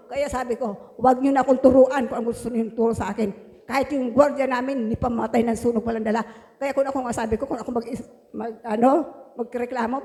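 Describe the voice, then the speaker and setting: Woman, church testimony, fervent and praise-filled; somewhat high, mellow voice, long hall reverb. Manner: fervent, breaks into praise exclamations. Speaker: church member giving testimony. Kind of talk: religious testimony.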